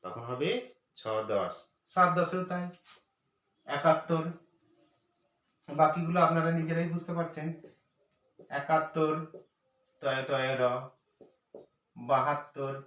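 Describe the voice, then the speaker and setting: A man teaching children's number names as a lesson, speaking patiently and repeating each number slowly. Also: on the high side, fairly bright tone. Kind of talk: math lesson for parents and teachers. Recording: echoey room, voice from far off.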